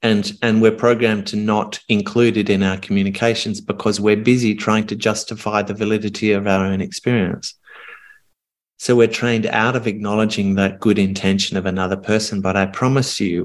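A middle-aged man working as a communication coach, talking calmly and earnestly in reflective phrases with pauses during a podcast coaching conversation. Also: on the low side.

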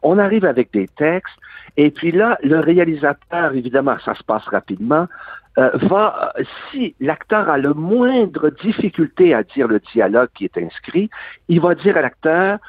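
Older Québécois actor, husky voice, animated delivery, on a tinny line. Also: male voice, fairly high pitch, moderate pace, no room sound. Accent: Québécois French. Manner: animated, long-winded monologue. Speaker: actor guest. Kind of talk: radio interview.

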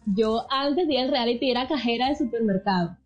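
A woman with a Colombian Caribbean coastal accent, a guest telling a funny story in a chat, animated and quick to laugh. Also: a little high, dull audio, faint music behind. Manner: animated, laughing often, colloquial.

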